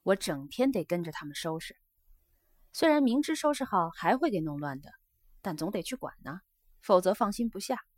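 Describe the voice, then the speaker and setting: A woman's voice: fairly low pitch, very animated, normal speed, no room sound. A woman reading aloud voices a young geisha who talks earnestly and presses her lover for an answer, in a dry close recording. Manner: earnest, coaxing and insistent.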